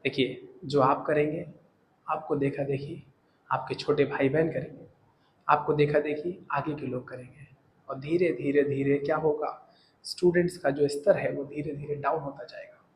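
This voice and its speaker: A man teaching, giving an earnest, animated motivational talk to his students. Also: a little high, normal speed, reverberant, rough recording.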